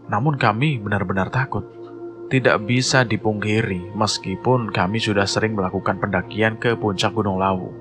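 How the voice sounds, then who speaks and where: A man telling a horror story in measured, suspenseful scripted narration, with music playing behind. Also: fairly low pitch.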